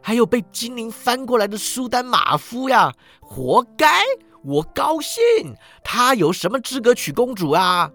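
A man voicing an old male miser who cries out in excitement with drawn-out exclamations, in a told story. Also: mid-range voice, faint music behind. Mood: giddy excited. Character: old miser man, giddy with childhood memories. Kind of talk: storytelling narration.

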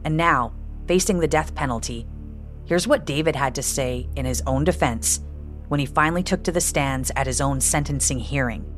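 A woman's voice: rumbling low, normal speed, faint music behind. A woman hosting and narrating a true crime podcast in a scripted style.

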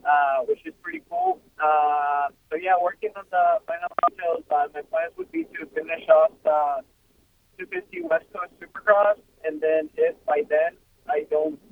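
Brief: young male guest, raised pitch, lively and easygoing, tinny phone line. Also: normal speed, a little hiss or hum. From Ecuador. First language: Spanish. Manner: lively, easygoing, many fillers. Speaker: racing guest. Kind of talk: casual phone interview.

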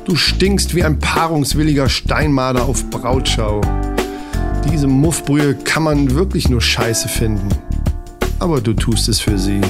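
A man's voice: mid-range voice, a little slow. A man reading a mock-dramatic comedy story to the listener, addressing them as you. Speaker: narrator. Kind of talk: scripted comedic narration. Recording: narration over music bed. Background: music.

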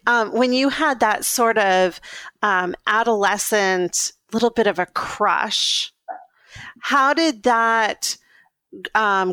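A woman's voice: mid-range voice, a bit bright, clear, resonant tone. A woman hosting a podcast, giving scripted introductions and asking interview questions. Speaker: podcast host, intimacy coach.

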